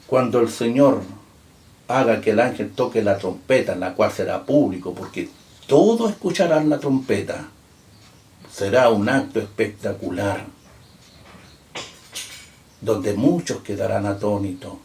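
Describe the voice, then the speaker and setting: Low-voiced pastor preaching in an echoey church. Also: male voice, expressive, a little mellow. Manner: emphatic preaching, slows and rises on key words, reads scripture aloud. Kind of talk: sermon. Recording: echoey room.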